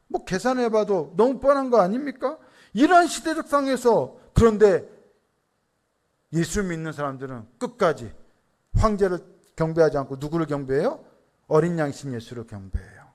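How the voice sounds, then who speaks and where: A middle-aged male pastor preaches a Sunday sermon in a high voice for a man. His intonation climbs and falls widely. He poses questions to the congregation, answers them himself, and mixes in stories about his family. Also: lively intonation, normal speed, a little mellow. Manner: tells personal family stories in a conversational tone. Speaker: senior pastor.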